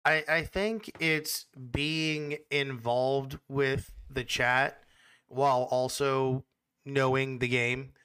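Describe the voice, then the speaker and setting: Casting note: man, esports caster type, bright crisp voice, dry close sound, halting casual answers. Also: mid-range voice, fairly even intonation, no echo. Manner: hesitant, repeats words when starting.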